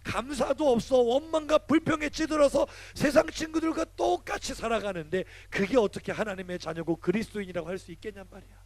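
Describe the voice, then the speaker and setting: A man's voice: extremely high pitch, a little fast, few pauses. A man, a youth pastor, preaching a sermon to teenagers, calling for responses and scolding them teasingly.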